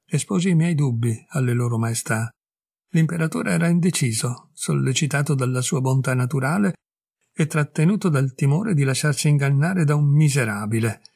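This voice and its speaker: Guy reading a classic story out loud, gravelly voice, super dry close sound. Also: mid-range voice, normal speed, no room sound. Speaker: narrator.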